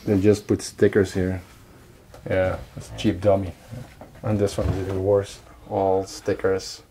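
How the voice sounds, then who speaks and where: An urban explorer host walks through a large indoor training hall and plane simulator, offering relaxed, curious commentary as he goes, filmed on a handheld camera. His voice is low-pitched and a little slow, with slight background noise.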